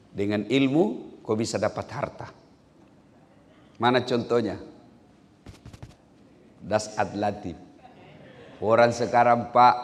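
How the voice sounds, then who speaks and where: A man giving a humorous Islamic sermon in a hall, joking with his audience and shouting his punchlines. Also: mid-range voice. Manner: lively joking delivery with loud punchlines. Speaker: Islamic preacher. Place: large hall before an audience. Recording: long hall reverb.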